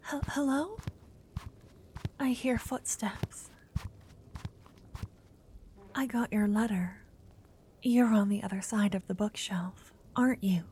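A woman's voice: mid-range voice, slow pace, long pauses, slight background noise, natural voice. A woman voicing a shy, nervous young noblewoman in a whispered roleplay, stammering now and then. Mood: nervous whispering. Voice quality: soft whisper. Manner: hesitant, stammering.

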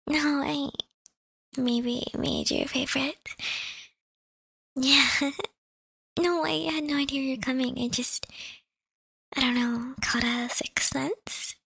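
Brief: woman voicing a tender girlfriend, bright hushed tone, hesitant and giggly. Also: sits high, creaky, no echo, heavily acted, poor audio. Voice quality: soft, often whispered. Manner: hesitant, giggly, lots of fillers. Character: affectionate girlfriend welcoming partner home. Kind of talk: audio roleplay.

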